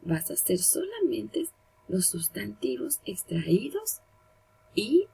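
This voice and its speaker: A woman's voice: mid-range voice, sing-song, takes it slowly, vocal fry, mellow, a little hiss or hum, low-quality recording. A woman teacher, giving a recorded language lesson and patiently explaining step by step while repeating the example words.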